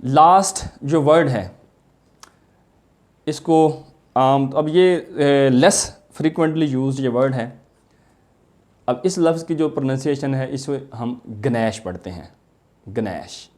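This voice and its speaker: A man gives a pronunciation lesson in a mix of Urdu and English. His voice is dark and mellow, and his pitch sits in the middle. He slows right down to spell out each model word. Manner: slow, drawn-out model pronunciations of words. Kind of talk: lecture mixing Urdu and English.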